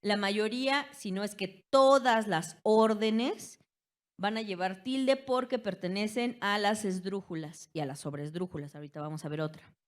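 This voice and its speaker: A woman teacher with a Mexican accent giving an online class, slowly stretching key words and checking in with her students. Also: mid-range voice. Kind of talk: online class lecture on spelling.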